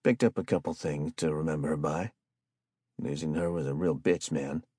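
A man voicing a gentle, grieving homeless man who speaks softly and guardedly in a spoken story. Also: rumbling low, steady tone, moderate pace, husky, no room sound, studio quality. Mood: wary. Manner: soft, guarded and plain-spoken.

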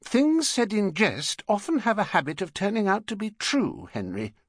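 A man's voice: high voice, wildly swooping pitch, moderate pace, breathy edge, no echo, studio quality, voice pushed up, full character voice. A man voicing a worried, fussy middle-aged wife in an audiobook. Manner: worried, fussing.

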